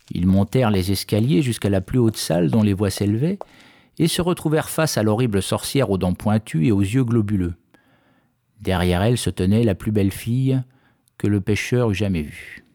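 A man narrating a fairy tale in a measured, expressive reading. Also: lowish voice. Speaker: storyteller.

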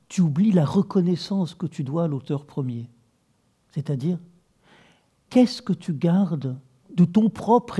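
A translator being interviewed, explaining his work in a thoughtful, measured way with a husky voice. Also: on the high side, mellow.

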